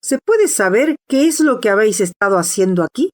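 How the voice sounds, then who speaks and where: A woman's voice: a little high, sing-song, brisk, no echo, studio quality. A woman voicing a harsh, bossy Queen of Hearts. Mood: furious. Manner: harsh, shouting orders. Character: stern imperious queen of playing cards.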